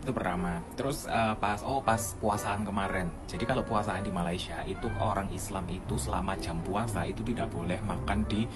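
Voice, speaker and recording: A young man, a student abroad, telling a casual vlog story in an animated way and acting out the people he quotes. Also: on the low side, fairly quick, few pauses. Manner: animated, acts out quoted dialogue. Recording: music playing under the voice.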